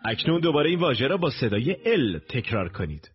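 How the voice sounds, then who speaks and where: A man narrating a recorded language course in slow, deliberate, instructive steps. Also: medium pitch, sing-song. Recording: dull lo-fi tape recording.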